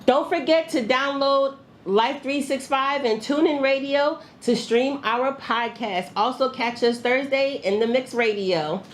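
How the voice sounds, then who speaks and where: Woman, podcast host, blunt and profane, laughs a lot, high pitched, faint background hiss. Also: a little slow. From New Jersey. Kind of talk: candid advice chat.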